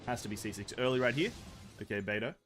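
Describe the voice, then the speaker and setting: A young man casually commenting on his own game pulls, mostly dry and muttering, at times breaking into loud excitement. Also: medium pitch, fast, soft background music. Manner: deadpan and muttering, bursting into shouting excitement. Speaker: game streamer. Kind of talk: casual live-stream commentary.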